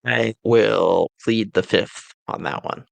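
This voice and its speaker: Low, creaky man pitching a movie eagerly. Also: fairly even intonation, slow pace, no room sound. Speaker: podcast co-host pitching a movie. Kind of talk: casual movie pitch discussion.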